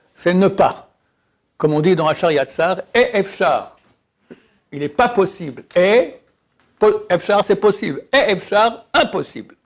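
A man with a fairly high voice gives a casual religious lesson on pronunciation. He draws out example words slowly, sometimes almost singing them. He drops teasing remarks along the way. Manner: lively, drawn-out demonstrations of words, half-sung. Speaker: religious teacher. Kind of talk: informal lesson on Hebrew pronunciation.

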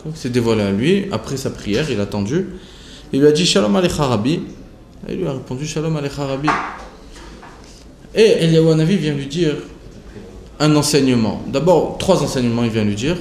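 A man's voice: medium pitch, lively intonation, brisk, a little mellow, a little hiss or hum. A man giving a Talmud study lesson as a religious teacher, explaining phrase by phrase with restarts and rising into a sing-song chant when he quotes the texts. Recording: echoey room with faint ambience.

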